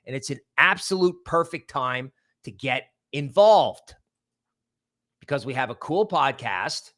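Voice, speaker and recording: At a measured pace, a man with a medium-pitched, animated and fairly bright voice hosts a casual livestream. He rambles and stresses points by repeating words, calling out viewers and promoting things along the way.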